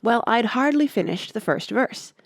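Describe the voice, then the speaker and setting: Very lively, swooping delivery for an eccentric storybook gentleman acted out by a woman, argumentative and touchy. He lectures with contempt and a mournful streak, and the voice is gravelly at the edges in a dry, close recording. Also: fairly high pitch, moderate pace, no room sound, pitched above the performer's own voice. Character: eccentric, touchy, mournful male Hatter at tea.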